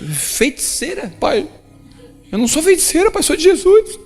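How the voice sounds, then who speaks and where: Man putting on a high-pitched little girl, indignant, pleading, church hall echo, soft music. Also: very animated, moderate pace, creaky, full character voice. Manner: high-pitched, insistent, near shouting. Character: upset young daughter, indignant, pleading.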